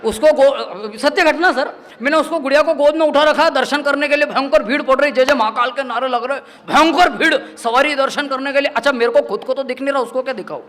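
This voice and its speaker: A man's voice: very high-pitched, quick pace, hardly any pauses, fairly bright tone. A man, performing chatty, self-mocking stories at a live poetry gathering, acting out the voices of the people in them. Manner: chatty storytelling, acts out quoted voices, laughs often. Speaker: stand-up comedic poet. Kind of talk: humorous poetry-stage banter. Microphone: stage microphone.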